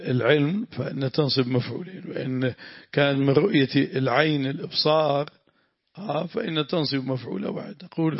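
Sheikh, gravelly husky voice, lesson with prayers, dull lo-fi sound. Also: male voice, fairly high pitch, no echo. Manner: explains grammar, breaks into prayers. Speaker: sheikh teaching tafsir. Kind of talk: religious lesson with supplications.

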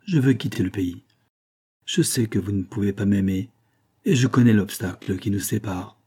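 Male reader playing a fervent, imploring young suitor; low, mellow, husky voice. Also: normal speed. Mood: earnest. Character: ardent young man, earnest and pleading.

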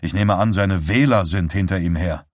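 A man's voice: low voice, normal speed, no echo, studio quality. A man voicing a tense young man who speaks in a clipped, pressed, subdued way. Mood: weary, bitter. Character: tense young man with a headache, curt and bitter.

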